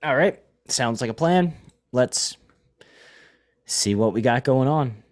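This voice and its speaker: A poker podcast host and coach chats casually, rambling and poking fun at himself while repeating words as he offers hand commentary. His voice is medium-pitched, expressive, and slow.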